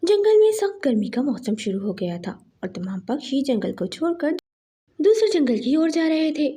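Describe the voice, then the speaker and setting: A woman narrating a children's cartoon moral story in an expressive, sing-song manner. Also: high voice, normal speed.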